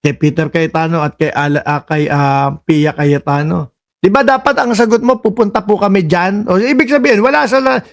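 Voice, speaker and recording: A man from the Philippines hosting political reaction commentary, sarcastic and animated, scolding the people in the clips and reading out viewer comments. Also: high-pitched, normal speed.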